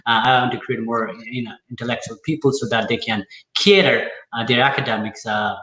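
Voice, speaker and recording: A man from Nepal speaks in a bright voice, pausing often on fillers as he talks through his work. The echoey room rings around his words. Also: medium pitch, fairly even intonation. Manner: hesitant, lots of fillers and restarts. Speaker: guest, accountant. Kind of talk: casual interview talk.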